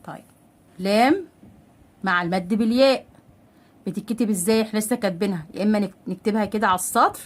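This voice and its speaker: An Egyptian woman with a mid-pitched voice leads a reading lesson for beginners. She draws each syllable out slowly for the learners to repeat. She keeps asking small questions and answering them herself. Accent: Egyptian Arabic. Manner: patient, drawn-out sounding out of syllables. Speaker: literacy teacher.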